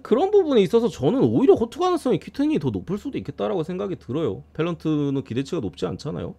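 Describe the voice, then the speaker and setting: A man giving a casual streamed preview of baseball games, blunt and quick to swear and grumble. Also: high-pitched, huge pitch swings, gravelly, mellow, slightly rough. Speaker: baseball betting analyst streamer.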